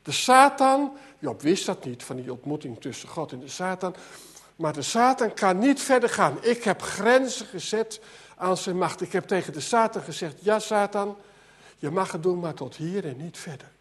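Male preacher, high voice, earnest sermon delivery, stutters and repeats words. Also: lively intonation, moderate pace, husky. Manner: earnest, repeats words, voice rises and drops sharply.

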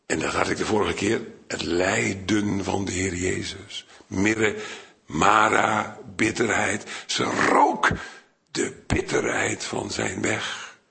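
An older man preaching a Bible sermon in Dutch, chatty and digressive, now and then jumping up high to act out quotes. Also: fairly even intonation, slow pace, vocal fry, sharp tone, echoey room. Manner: conversational, digressive, with sudden high-pitched acted quotes.

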